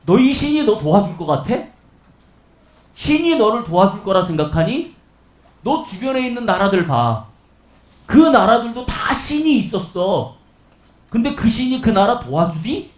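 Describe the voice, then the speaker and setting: A haughty Assyrian king sneers at his rival in a mocking, offhand way, as a male preacher puts him on mid-sermon. His voice is high and swings widely in pitch. It rings through an echoey church hall. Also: very animated, normal speed, long pauses. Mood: taunting. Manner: mocking, condescending, casual speech.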